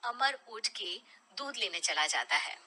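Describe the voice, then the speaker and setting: A woman narrating a cartoon story in a hushed, low-key way. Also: lively intonation, unhurried, rough recording.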